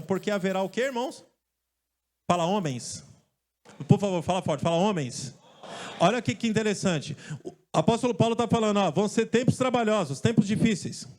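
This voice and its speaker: A male pastor from Brazil preaching a lively sermon, joking and calling out to his congregation. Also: high-pitched. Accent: Brazilian Portuguese. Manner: lively, joking storyteller who calls out to the congregation. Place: church stage.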